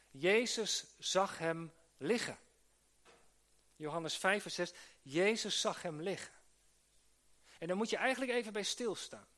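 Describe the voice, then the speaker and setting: Earnest high-voiced preacher. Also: male voice, sharp tone. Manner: earnest, with restarts and rhetorical questions. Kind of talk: sermon to church workers. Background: live audience he addresses.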